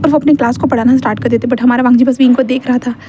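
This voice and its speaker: Fast high-voiced woman telling a story. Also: steady tone, background noise. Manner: narrates and voices every character in the same chatty tone, with stumbles and fillers. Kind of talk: casual fan-fiction storytelling.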